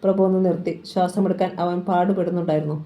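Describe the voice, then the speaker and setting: A woman narrates a crime thriller in a low, mellow voice. Her reading is dramatic, and she lifts her voice at the story's tense moments. The delivery is steady and scripted. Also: fast, highs cut off. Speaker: novel reader.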